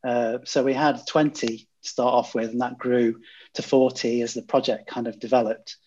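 A man's voice: medium pitch, flat delivery, moderate pace, a little mellow, slight background noise. A man guest, a design consultant, telling a project story in a conversational way, with many "uh" fillers and restarts. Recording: dull lo-fi audio.

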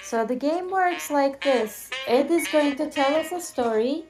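A woman co-hosting a tango talk show over a video call, chatty and quick to laugh. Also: high-pitched, noisy background. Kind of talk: casual chat on a video call.

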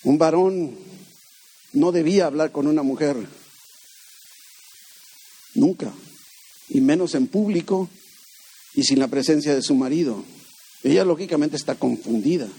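A man's voice: fairly high pitch, measured pace, pauses often, dark tone, slightly rough. A man preaching a conversational sermon, asking rhetorical questions and acting out the voices he quotes. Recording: long hall reverb.

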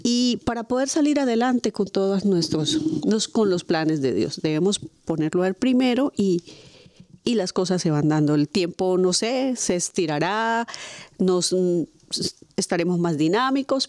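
Una mujer invitada que habla de su fe con sinceridad, con viveza y repitiendo para enfatizar. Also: female voice, on the low side, normal speed, dry recording. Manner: earnest, lively, repeats for emphasis. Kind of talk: casual religious chat.

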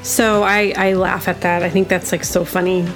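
A woman hosting a podcast in casual comedic chat, rambling and animated, with lots of fillers and quick impressions. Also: fairly low pitch, music in the background. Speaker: podcast host.

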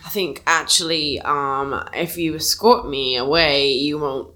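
A woman's voice: low voice, fairly even intonation, unhurried, pushed and bright, voice pushed down. A woman voicing an eager grown son full of ideas who pushes back at his father. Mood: earnest. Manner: pushy, indignant.

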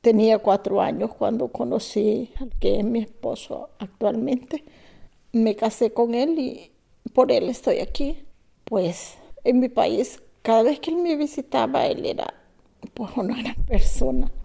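A Salvadoran woman in her fifties, an immigrant learning English, giving a halting, soft personal testimony that sometimes drops to a whisper. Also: on the high side, vocal fry, slightly rough. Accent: Salvadoran Spanish.

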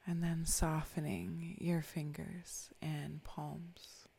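A meditation guide leading a guided meditation, often whispering soft, calm instructions. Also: medium pitch, extremely slow, vocal fry, a little hiss or hum.

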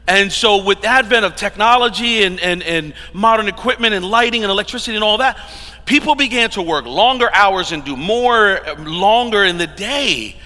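A man's voice: high voice, lively intonation, normal speed, bright, forceful tone. A pastor preaching a sermon to his congregation in a church hall, earnest and emphatic, his voice often rising and dropping in volume. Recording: long hall reverb.

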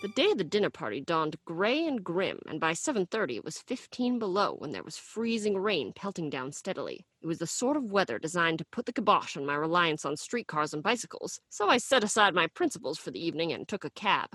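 A wry, plain-spoken private eye , played by a woman, narrates in a hardboiled first-person style. Her voice sits low, moves a lot, and has a husky edge. The recording is dry and close. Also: very animated, a little fast, hardly any pauses, a bit bright, no room sound, exaggerated voice.

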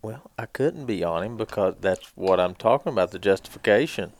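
A man's voice: fairly low pitch, lively intonation, a little fast. A man telling casual hunting stories in folksy, colloquial speech as a podcast co-host.

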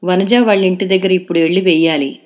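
A woman's voice: lowish voice, fast talker, close to an everyday voice. A woman voicing a clever, bashful teenage girl in an audio novel. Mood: girlish. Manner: lively, shy.

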